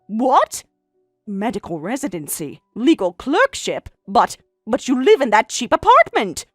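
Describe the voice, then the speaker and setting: A snobbish, easily scandalized sister-in-law played by a woman from a family drama story. Her voice sits fairly high and swings widely as she blusters in disbelief. The sound is dry and close, over faint music. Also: sing-song, measured pace, slightly rough, dry recording, full character voice. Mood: flustered shock. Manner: incredulous, blustering, repeats words when flustered. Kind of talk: acted dialogue in a narrated family drama.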